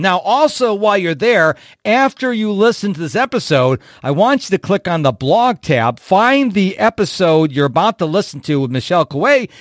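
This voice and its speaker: A man hosting a podcast, talking with energetic enthusiasm and lots of swing in his voice. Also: sits high, dry recording, clean studio sound. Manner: energetic, animated, enthusiastic delivery. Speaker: podcast host. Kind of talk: upbeat podcast interview.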